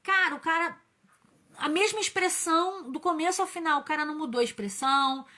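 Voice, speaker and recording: A Brazilian woman with a high-pitched voice hosts her channel in a loose, conversational explainer style. She speaks bluntly and casually to her viewers, slipping in slang and the odd swear word. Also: fairly quick, pushed and bright. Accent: Brazilian Portuguese. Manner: chatty, blunt, mixes slang and mild swearing. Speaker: channel host.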